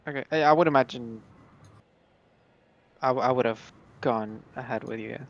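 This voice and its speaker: A man playing a tabletop game casually, halting and filling with ums. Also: mid-range voice, dull audio. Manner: hesitant, with many ums. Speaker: player.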